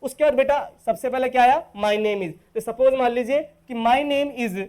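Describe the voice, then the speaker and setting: A man from Rajasthan, India, teaches spoken English in a recorded online lesson. His voice is very high, slightly mellow and smooth, and he patiently calls his students "beta" while saying the English model phrases slowly.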